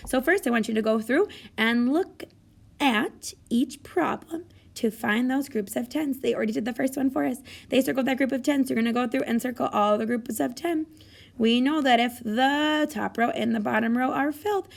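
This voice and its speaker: A woman kindergarten teacher walks young children through a recorded math lesson in a bouncy, sing-song way. Her voice sits a little high, with a gravelly fry under it.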